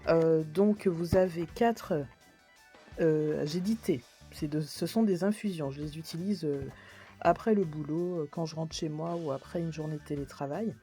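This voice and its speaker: A woman's voice: low-pitched, normal speed, dark tone, soft background music. A woman chatting casually through a shopping haul video, hesitant with many fillers, apologising for her English pronunciation. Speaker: vlogger.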